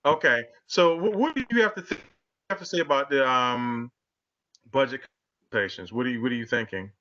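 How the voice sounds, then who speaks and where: A man's voice: medium pitch, brisk, bright, forceful tone. A man speaking bluntly in an online committee meeting, his voice breaking up over a bad connection. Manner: blunt and heated, with repeated starts. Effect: video call audio breaking up. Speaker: community board committee member. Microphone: video call. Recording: lo-fi choppy internet call audio.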